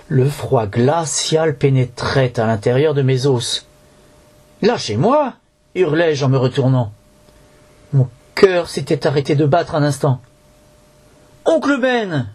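A man's voice: mid-range voice, measured pace, a little mellow, husky. A man reading a storybook aloud in French, narrating with occasional slips and restarts.

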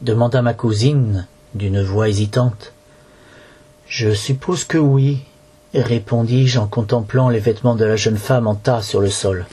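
Husky man reading a storybook aloud. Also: medium pitch, a little slow, mellow. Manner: reads with slips and restarts. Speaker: narrator.

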